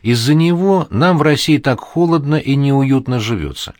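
A man's voice: mid-range voice, animated, normal speed, a little mellow, dry recording, studio quality, pitched above the performer's own voice, close to an everyday voice. A man voicing a gloomy, wry middle-aged man. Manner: terse, wry, sighing.

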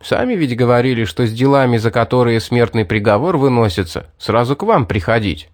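A man's voice: mid-range voice, expressive, fairly quick, no room sound, studio quality, close to an everyday voice. A man voicing a simple town guard in a fantasy audiobook, plain-spoken and a little hesitant. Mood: deferential.

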